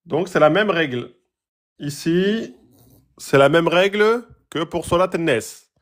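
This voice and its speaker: A man teaching Quran recitation rules, patiently asking questions and repeating example words slowly. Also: a little high. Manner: asks students rhetorical questions. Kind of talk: tajwid lesson, explaining a page.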